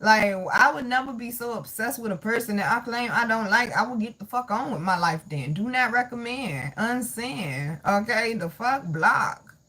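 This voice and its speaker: Hosting a live tarot reading, a woman reads viewers' comments in casual livestream chat, blunt, profane and sassy, calling people honey and baby. Her slightly high voice is pushed and bright, with lively intonation, normal speed and few pauses.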